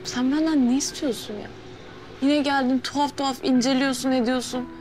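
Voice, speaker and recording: Actress doing a snappy defiant teen girl, high voice, music under it. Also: fairly even intonation, moderate pace, close to an everyday voice. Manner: sharp and defiant, snapping back. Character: angry guarded teenage girl who distrusts men. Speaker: schoolgirl character in a TV drama. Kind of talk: TV drama acting.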